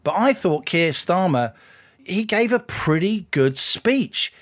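A man co-hosting a political podcast, laying out his analysis in a measured, deliberate way. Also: fairly high pitch. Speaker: podcast co-host, columnist.

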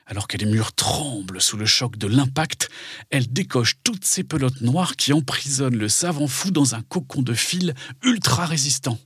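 A man's voice: mid-range voice, lively intonation, moderate pace, a bit bright, slightly rough, no room sound, clean studio sound. A man narrating a scripted dramatic story for children.

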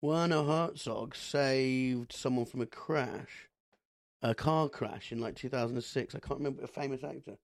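A man's voice: medium pitch, moderate pace, dry recording, studio quality. A man hosting a podcast, rambling and joking, often laughing as he tells a story. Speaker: podcast host. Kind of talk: casual comedic chat.

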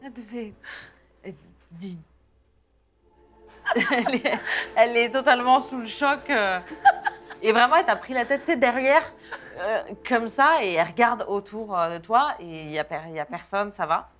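A woman's voice: on the high side, lively intonation, moderate pace, pauses often, fairly bright tone. A woman narrating a tabletop game as game master, describing scenes with frequent fillers and laughs. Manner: descriptive, many fillers and restarts, laughs often.

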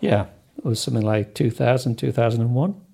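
A middle-aged or older man with a soft Sunderland accent, recalling things hesitantly as an interview guest. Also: mid-range voice, fairly quick, gravelly, husky. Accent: softened Sunderland. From North East England, Sunderland area. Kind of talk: casual recollection in an interview.

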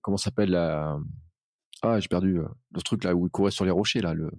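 A man chatting on a podcast in a lively, familiar way. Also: sits low, fast, no room sound, studio quality. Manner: chatty, lively, many "tu vois". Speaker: podcast host. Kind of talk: casual podcast conversation.

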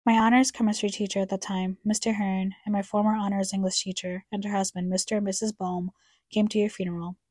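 A woman's voice: medium pitch, little pitch movement, fast, a little mellow, dry recording, clean studio sound. A young woman reading a scripted, somber personal narration, speaking reflectively to her late mother. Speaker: podcast co-host narrator.

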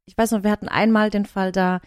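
A woman in her thirties, a podcast co-host, chatting casually and telling long stories in an animated way. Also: mid-range voice, fast talker, dry recording, clean studio sound. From Germany. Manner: animated storyteller, talks at length. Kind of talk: casual chat.

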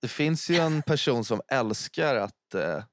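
A man's voice: mid-range voice, sing-song, no room sound. Laid-back man chatting, dry close sound. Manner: laid-back, rambling with fillers and restarts. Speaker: podcast co-host. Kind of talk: casual chat.

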